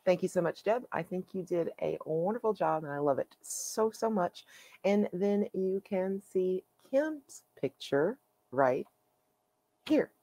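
A woman hosting her own coloring channel, chatting casually and haltingly with plenty of fillers as she shows her finished pages. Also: on the low side, expressive, mellow, dry recording. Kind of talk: casual show-and-tell.

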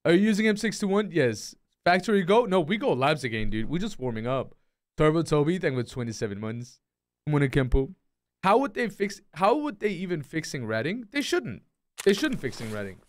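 A man's voice: a little high, very animated, a little fast. A young man live-streaming a game, chatting casually and greeting his chat one by one in a laid-back way.

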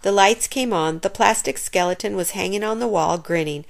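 Woman reading a kids' book, gravelly. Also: mid-range voice, moderate pace. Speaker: children's book reader. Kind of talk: reading a children's chapter book aloud.

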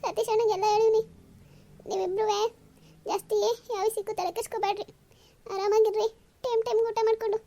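A woman's voice: very high-pitched, flat delivery, brisk, long pauses, mellow, voice pushed up. A woman voicing a tearful young bride in a cartoon, talking in a pleading, weepy way. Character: young bride leaving her home, tearful, clinging.

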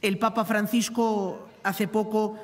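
A middle-aged priest gives a reflective homily. His voice is notably high for a man and echoes long through the chapel. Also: flat delivery, slow. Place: large open chapel, lectern microphone. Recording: long reverberant chapel echo.

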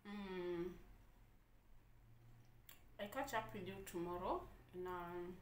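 A woman's voice: fairly low pitch, slow, roomy sound, a little hiss or hum. A woman chatting casually to her viewers while she eats, sometimes talking with food in her mouth. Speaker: vlogger. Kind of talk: casual chat while eating. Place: home room.

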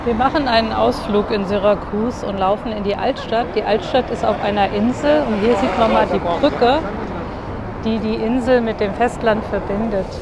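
A woman in her sixties chatting casually as a travel vlogger, adding details to her partner's story, filmed outdoors on a selfie camera at arm's length. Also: fairly high pitch. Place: outdoors on a harbour bridge. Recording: outdoor noise, traffic behind.

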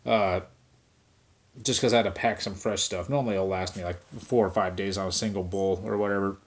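A man ranting casually to his viewers in a vlog, stoned and relaxed, cursing constantly and rambling from one idea to the next. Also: low-pitched, a little fast. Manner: profane, rambling, addressing viewers directly. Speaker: vlogger. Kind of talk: casual rant to camera.

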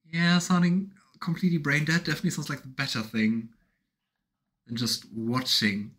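Streaming from a small room at home with game music playing, a let's play streamer in his thirties voices a game by reading its narration and adding casual commentary. His voice is a little high and fairly bright, with moderate pace and fairly even intonation.

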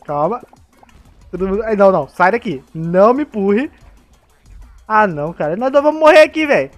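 Excitable Brazilian gamer guy. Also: sits high, fairly quick, dull audio, faint music behind. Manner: excitable, laughs a lot, talks to other players. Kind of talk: gameplay commentary.

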